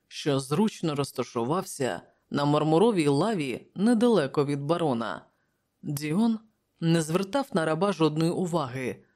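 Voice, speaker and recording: In scripted narration, a mid-range voice steadily reads out an adventure novel. The audiobook narrator's delivery stays calm and evenly paced throughout.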